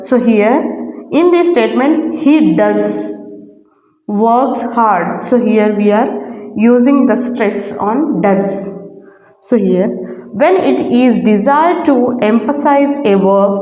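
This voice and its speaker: A woman teaches grammar in a slow, patient way, circling back to repeat each point. Her voice sits a little high. The recording is roomy, with a long reverb trailing after her words. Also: warm tone. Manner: slow, repetitive explaining with frequent "so here". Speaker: English teacher. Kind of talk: grammar lesson. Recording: echoey room with long reverb.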